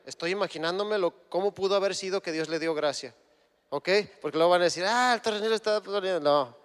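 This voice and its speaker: A man's voice: on the high side, long reverb tail. A man giving a conversational sermon, retelling scripture and acting out imagined dialogue. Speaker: guest preacher.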